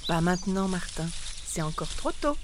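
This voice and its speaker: A man voicing a mother boar in a storybook, a gentle mother who is losing her patience. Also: big pitch swings, normal speed, background noise. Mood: patient. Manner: high put-on motherly voice, scolding. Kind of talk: storybook reading.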